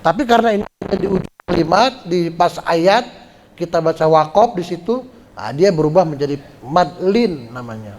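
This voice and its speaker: A man teaching Quran recitation rules at a study gathering, explaining patiently and chanting drawn-out syllables to show pronunciation. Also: fairly high pitch, animated, a little mellow. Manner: slow, patient explaining with frequent "ya" check-ins. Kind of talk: tajwid lesson at a religious study gathering.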